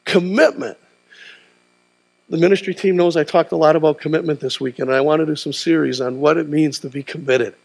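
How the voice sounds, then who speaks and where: A middle-aged pastor paces the stage of a large church auditorium, preaching a sermon in a fairly high, creaky voice with a steady tone and brisk delivery. He uses call-and-response, prodding the crowd with tag questions like "huh?"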